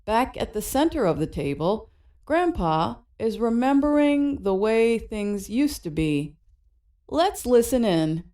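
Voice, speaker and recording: Lady teaching phrasal verbs, super slow, voice goes up and down a lot. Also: on the high side, big pitch swings, dark tone. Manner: slow, clear teaching delivery. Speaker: English lesson narrator. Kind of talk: scripted educational narration.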